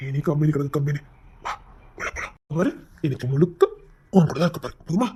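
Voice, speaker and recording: A woman acting as a devoted young husband who teases his wife and then pleads his love in a soft voice. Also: sits low, fairly quick, breathy edge. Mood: tender. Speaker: actor in a romantic couple skit. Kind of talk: acted romantic dialogue.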